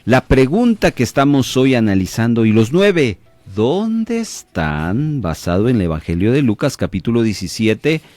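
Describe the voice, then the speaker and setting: Male radio preacher, Latin American Spanish accent, emphatic and lively in pitch, dry close mic. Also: moderate pace, few pauses, no room sound. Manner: preachy, emphatic, asks listeners questions. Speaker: radio Bible teacher and host. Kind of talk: radio Bible teaching. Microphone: studio microphone.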